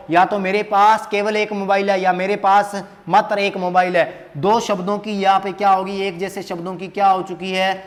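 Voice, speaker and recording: Standing at a board in an echoey classroom, a man teaches Hindi grammar, posing questions and answering them himself while stressing key words through repetition. His voice sits high.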